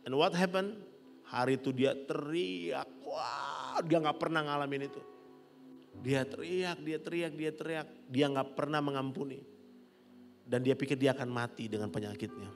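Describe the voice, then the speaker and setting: A middle-aged man preaching a sermon as pastor, animated and rising to loud peaks. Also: mid-range voice, gravelly. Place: large church hall. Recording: long church hall reverb with soft music.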